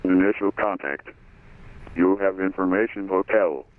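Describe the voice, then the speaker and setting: A low-voiced man recites an airport weather broadcast in an even, steady delivery of numbers and codes. His voice comes through a tinny, narrow-band aviation radio channel. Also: a little slow. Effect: airport weather broadcast over aviation radio. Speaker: automated terminal information broadcaster.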